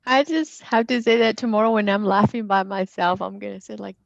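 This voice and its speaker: A woman's voice: mid-range voice, fairly even intonation, brisk, creaky, no room sound. A woman moderator on a video call, speaking sincerely and gratefully to the speaker. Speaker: event moderator. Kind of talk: emotional thanks and chat. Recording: dry, dull lo-fi call audio.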